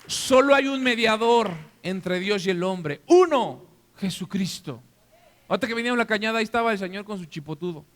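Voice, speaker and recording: High-voiced Mexican pastor preaching in a reverberant hall. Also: male voice, brisk. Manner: interactive, keeps checking the congregation is following; animated, acts out scenes for the listeners. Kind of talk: sermon. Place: church hall. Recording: long reverb of a church hall.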